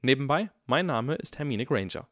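A man voicing an eager, clever young schoolgirl who talks briskly in a storybook reading. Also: medium pitch, lively intonation, a bit bright, no room sound, clean studio sound, voice pushed up.

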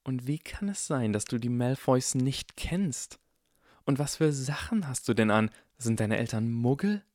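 A man's voice: mid-range voice, expressive, unhurried, a little mellow, dry recording, studio quality, pitched above the performer's own voice, close to an everyday voice. A man voicing a haughty, spoiled aristocratic boy wizard with an arrogant, drawling manner, in an audiobook. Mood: suspicious. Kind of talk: audiobook character voice.

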